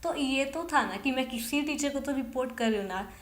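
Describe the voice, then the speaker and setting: A young woman with a slightly high voice tells stories in a chatty, casual way, dropping English phrases in as she goes. She hosts her own podcast from her bedroom. The sound bounces around the room, giving it an echoey feel. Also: a little fast. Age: young adult. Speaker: podcast host. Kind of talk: casual storytelling.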